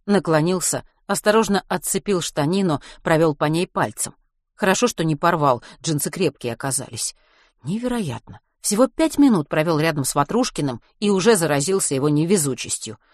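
A woman's voice: sits low, animated, brisk, no echo, studio quality. A woman narrating a children's novel as an audiobook reader. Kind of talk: scripted narration.

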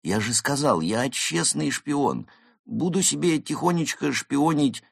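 Guy doing a koala spy, super slow and drawn out, kinda husky and raised. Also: medium pitch, animated, no echo, clean studio sound, voice pushed up, exaggerated voice. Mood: smug. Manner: slow, drawn-out, self-satisfied. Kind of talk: audiobook character voice.

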